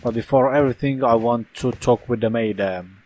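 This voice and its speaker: A man's voice: medium pitch, brisk, darkish tone. A man doing a casual let's play commentary, joking, rambling and reading game text aloud.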